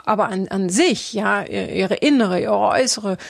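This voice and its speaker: A woman's voice: medium pitch, moderate pace, gravelly, no room sound, clean studio sound. A woman coach telling a story from her coaching sessions in a casual, chatty way, with many fillers and restarts, acting out the dialogue.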